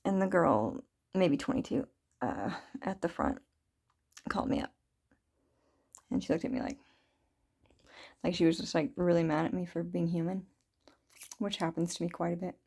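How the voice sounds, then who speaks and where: A woman in her thirties talking through her feelings in a rambling, reflective video diary, full of fillers and soft laughs. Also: fairly low pitch, normal speed, long pauses, slightly rough. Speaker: vlogger. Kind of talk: reflective personal diary talk.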